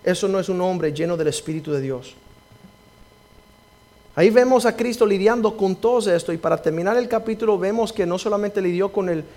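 A man's voice: sits high, a little fast. A man preaching a sermon as pastor, reading scripture and acting out the voices in the story with rising emphasis. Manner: preaching with dramatized quotes, rising to loud emphasis.

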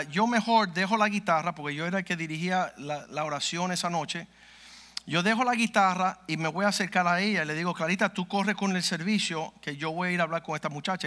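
A man's voice: high voice, sharp tone. A male pastor telling a testimony in a sermon, acting out the dialogue as he goes. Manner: vivid storyteller acting out dialogue.

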